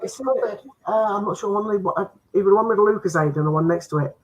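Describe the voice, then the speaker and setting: A woman chatting casually with friends, lively and chatty. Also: mid-range voice, fast talker, dull audio. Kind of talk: casual chat.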